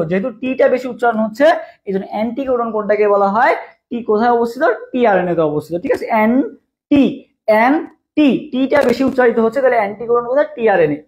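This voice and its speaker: Over dull lo-fi stream audio, a young admission test tutor with an extremely high, darkish voice runs a live online class. He drills students with repeated questions and has viewers type along in the comments.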